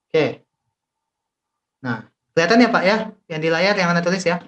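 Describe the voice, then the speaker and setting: This Indonesian man speaks in a high, expressive, fairly bright voice as a recitation teacher on a video call. He's running an online tajwid class, explaining slowly and patiently with many fillers and repetitions.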